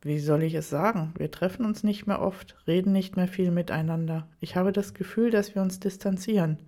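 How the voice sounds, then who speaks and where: A direct, earnest young man who does not dodge hard questions, as a woman reading a storybook puts him on. The voice is low and warm, steady and plain-spoken. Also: normal speed, close to an everyday voice. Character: tall young man, warm but blunt best friend.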